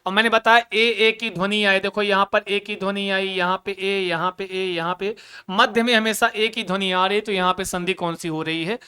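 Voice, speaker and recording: A male teacher giving a lively grammar lesson, asking questions and answering them himself, with joking asides. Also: high voice, moderate pace, smooth.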